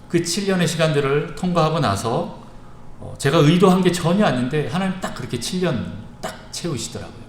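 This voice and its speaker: A male pastor delivering an evening sermon in a church sanctuary, earnest and emphatic, with frequent pauses. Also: on the high side. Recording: echoey church hall with faint background hiss.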